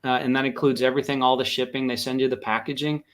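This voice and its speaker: A man's voice: medium pitch, fairly even intonation, fast talker, a bit bright. Rambling anecdotal male podcast co-host. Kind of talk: casual discussion.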